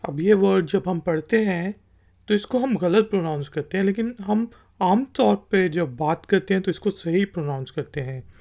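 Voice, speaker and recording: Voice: mid-range voice, lively intonation, moderate pace, vocal fry, a little mellow. A language teacher from Pakistan giving a patient lesson, spelling each word letter by letter and repeating it. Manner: patient and repetitive. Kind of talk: explanatory lesson.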